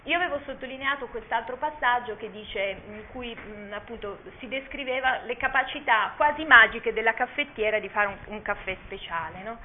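A woman giving an informal talk about a children's story, speaking hesitantly with many pauses and restarts. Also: a little high. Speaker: speaker presenting a children's book. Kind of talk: informal talk with read-aloud passages. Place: talk at a cultural gathering. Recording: tinny phone-like lo-fi audio, faint hiss.

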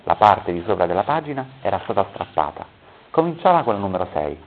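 A man with a husky, low voice reads a story aloud at a public talk. He keeps a steady pace and stops now and then to correct his own slips. The recording is thin and tinny, as if heard over a phone line. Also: quick pace.

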